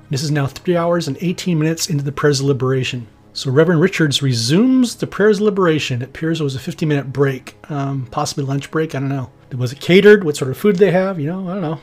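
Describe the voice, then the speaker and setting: A man's voice: a little high, darkish tone, slightly rough. A man hosting a podcast, reading an account aloud with wry, joking asides. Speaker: podcast host.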